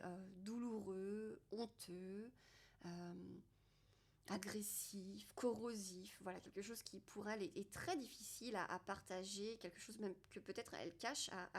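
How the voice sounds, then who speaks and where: A woman from France vlogging to camera in a candid, rambling way, thinking aloud and swearing casually. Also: mid-range voice. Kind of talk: casual confessional talk to camera.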